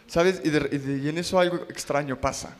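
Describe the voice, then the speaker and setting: A man's voice: fairly high pitch, fairly even intonation, fairly quick. A man interpreting a sermon phrase by phrase, with occasional stumbles and restarts. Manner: follows each phrase, some stumbles and restarts. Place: church. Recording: long church reverb.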